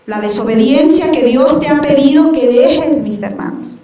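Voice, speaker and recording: A woman's voice: high voice, moderate pace, mellow. A woman preacher giving a fervent sermon in a church hall, often calling out to the congregation. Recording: echoey hall, voice from far off, dull sound.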